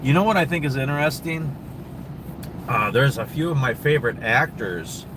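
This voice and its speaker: Broadcasting live from a truck stop, this Minnesota-accented livestream host answers viewers' questions in a loose, meandering style packed with ums and restarts. His medium-pitched voice sounds animated at a normal speed, with traffic and air conditioning noise behind it.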